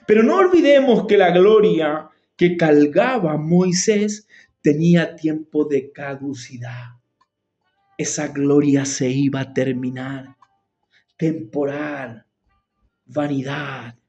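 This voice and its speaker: A man with a Chilean Spanish accent delivers a sermon in a high voice. He speaks slowly and fervently, repeating phrases and letting his pitch swing up and down. The recording sounds a little dull. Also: darkish tone, faint music behind. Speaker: preacher.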